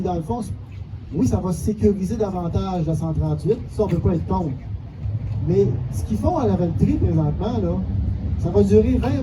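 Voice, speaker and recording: Earnest Québécois man explaining roadwork. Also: sits high. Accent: Quebec French. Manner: detailed, earnest, repetitive. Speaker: local organizer at a public meeting. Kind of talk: explanatory public address. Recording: distant mic with loud background noise.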